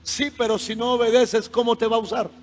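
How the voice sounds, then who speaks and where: A male pastor preaching with passion, swinging between shouts and quiet asides. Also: very high-pitched, flat delivery, fairly quick. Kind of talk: sermon. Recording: music underneath, long reverb hall.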